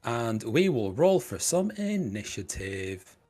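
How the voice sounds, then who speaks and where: A man's voice: mid-range voice, big pitch swings, slow pace, darkish tone, soft background music. A man narrating a tabletop game as game master, rambling and hesitant.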